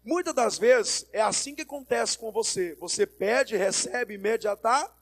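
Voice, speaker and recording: A man's voice: high voice, animated, moderate pace, a bit bright, soft background music. A Brazilian man preaching as a pastor, telling a personal story and exhorting the congregation in a sermon. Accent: Brazilian Portuguese.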